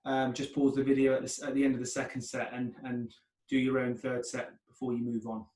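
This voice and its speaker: A man's voice: mid-range voice, completely flat delivery, brisk, darkish tone. A man coaching a workout as an instructor, giving short clipped commands, counts and form cues with encouraging check-ins. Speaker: fitness instructor. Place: indoor room, heard from a distance. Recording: echoey room, far from mic.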